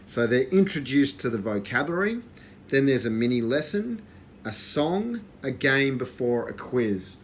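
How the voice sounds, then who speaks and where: A man walking through an educational software system, explaining it in a relaxed way with fillers. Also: mid-range voice, normal speed, slight background noise. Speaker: presenter demonstrating software. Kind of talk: casual walkthrough.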